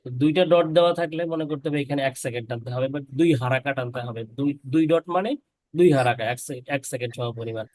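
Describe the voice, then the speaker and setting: A man's voice: medium pitch, fast talker, darkish tone, dry recording, low-quality recording. Male online tutor, patient and methodical, dry close sound over a video call. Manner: patient, explains step by step, models sounds for students to repeat. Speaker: Quran teacher. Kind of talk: online class teaching letter pronunciation.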